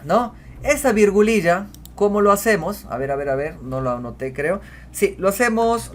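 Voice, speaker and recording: A man hosting a screen-recorded software tutorial, talking chattily as he clicks through, often repeating himself and saying "miren". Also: fairly high pitch, a little hiss or hum. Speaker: spreadsheet tutorial host.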